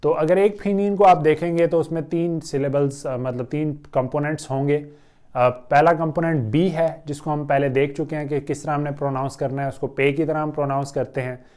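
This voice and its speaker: A man with an Urdu accent gives an online Chinese pronunciation lesson, and his voice sits a touch high for a man. He explains patiently, with slow stretches and thoughtful pauses. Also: steady tone, a little mellow, clear, resonant tone. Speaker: Chinese language teacher.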